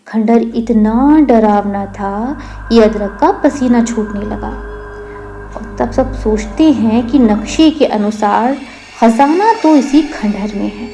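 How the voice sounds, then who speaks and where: A woman narrating a children's story in a lively, explaining way. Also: fairly high pitch.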